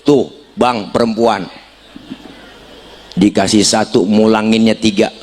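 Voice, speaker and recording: A man preaching a comic sermon, joking and switching between raised proclaiming and low chatty asides. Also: steady tone, slow, a little mellow, slight background noise. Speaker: Islamic preacher. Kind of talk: comic sermon to a live congregation.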